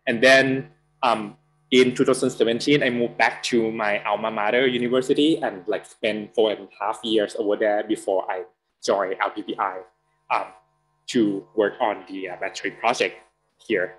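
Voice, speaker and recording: A man's voice: lowish voice, fairly even intonation, a bit bright, a little hiss or hum, rough recording. Thai guy in his 30s giving a chemistry-style lecture over a video call, lots of um and uh, keeps restarting. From Thailand. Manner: halting, many fillers and restarts. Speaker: guest lecturer. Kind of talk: academic lecture.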